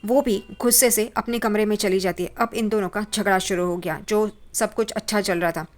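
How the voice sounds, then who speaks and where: A woman's voice: mid-range voice, fairly even intonation, fairly quick. A woman casually retelling a TV serial episode, reading out the characters' lines as she goes. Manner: conversational retelling, reads out characters' lines in passing. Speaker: TV serial recap narrator. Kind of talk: casual spoken episode recap.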